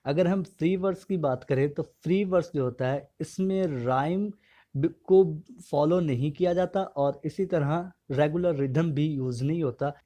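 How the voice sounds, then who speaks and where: A man giving an exam-prep literature lecture, asking a question and then answering it in a steady, explanatory way. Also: a little high, a little slow. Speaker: English literature teacher.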